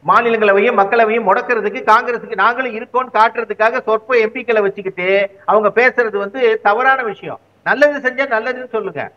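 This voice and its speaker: A man's voice: very high voice, brisk, muffled recording. A man speaking as a guest commentator in a heated political interview, arguing his side with repeated rhetorical questions.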